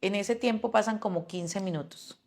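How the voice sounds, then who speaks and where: A woman with a gravelly, mid-pitched voice tells a personal story as a mother. She speaks earnestly and acts out the lines of the people in it. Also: moderate pace, darkish tone. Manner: earnest, acts out quoted dialogue. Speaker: mother telling her own story.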